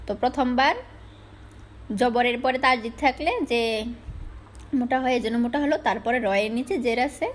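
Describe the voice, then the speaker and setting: A woman teaching Arabic letter pronunciation, explaining the rules step by step and slowly repeating each sound to demonstrate. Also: a little high. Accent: Bangladeshi Bengali.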